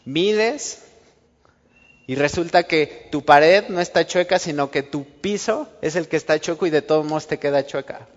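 A man's voice: fairly high pitch, normal speed. A man preaches a sermon. He keeps it conversational and acts out little everyday exchanges. The sound is muffled and carries a long church-hall reverb. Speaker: pastor.

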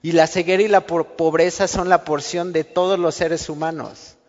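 A man's voice: on the high side, steady tone, normal speed, slight background noise. A man preaches a sermon. He keeps it conversational and acts out little everyday exchanges. The sound is muffled and carries a long church-hall reverb. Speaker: pastor.

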